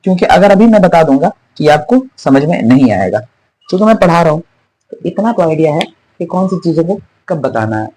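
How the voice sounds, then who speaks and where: A man's voice: on the high side, very animated, brisk, darkish tone, a little hiss or hum, poor audio. A man teaching an online class, patiently explaining and drilling letter sounds, asking questions and answering them himself. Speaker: Tajweed teacher.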